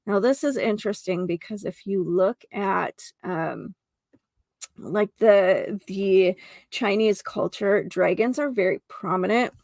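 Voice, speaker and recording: This podcast host gives an informal spiritual lesson, earnest and repetitive for emphasis, sometimes reading from notes. She speaks slowly at a medium pitch with a slightly mellow voice, in a clean, dry studio recording.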